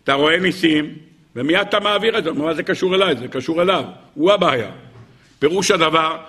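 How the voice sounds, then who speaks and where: High husky-voiced rabbi teaching. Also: male voice. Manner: animated storyteller who acts out shouts. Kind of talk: weekly Torah lesson.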